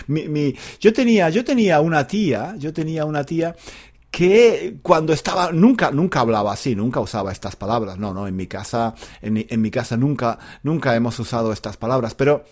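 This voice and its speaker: Unhurried Spanish man, repeats himself. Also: medium pitch, a little mellow. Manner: unhurried, many fillers and repetitions, chuckles often. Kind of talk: casual explanatory lesson.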